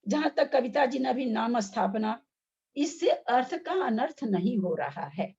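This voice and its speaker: A woman's voice: on the high side, lively intonation, unhurried, darkish tone, husky, lo-fi sound. A woman teaching Sanskrit pronunciation in an online class, patient and step by step, with repeated examples.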